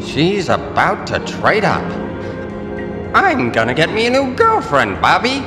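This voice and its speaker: Comic-book clown villain: theatrical menace, huge pitch swings, drawn-out taunts, echo and loud music around him. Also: male voice, huge pitch swings, exaggerated voice. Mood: sly, lecherous. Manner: taunting, drawn-out showman delivery. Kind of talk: audio drama acting. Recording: echoey, with loud music underneath. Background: loud dramatic music.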